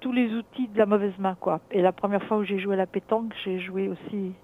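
A middle-aged woman talking reflectively and haltingly about herself as a caller in a personal conversation. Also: mid-range voice, steady tone, warm tone. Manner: reflective, halting, thinking aloud. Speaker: caller consulting a dream analyst. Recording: tinny narrow phone line.

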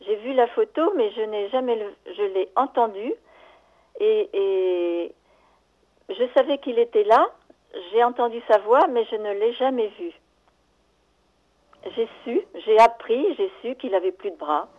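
An older woman on a call-in show, her voice coming through a thin, tinny phone line. She talks in a halting, shaken way, stopping often to search for the right words. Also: fairly high pitch. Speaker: radio caller. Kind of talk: recounting a dream on call-in radio. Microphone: telephone.

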